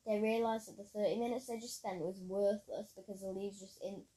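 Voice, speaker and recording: A woman's voice: mid-range voice, flat delivery, fairly quick, dark tone, rough recording. A woman reading her own story aloud in a plain storytelling manner, with occasional slips. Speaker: narrator.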